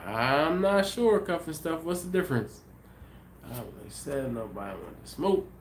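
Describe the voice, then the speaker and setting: Over slight background noise, a man with a slightly high, very animated voice talks at a measured pace. He's a livestream host casually chatting and reading out viewer comments, a little sniffly and congested. His easygoing talk rambles, with lots of ums and restarts as he thinks aloud.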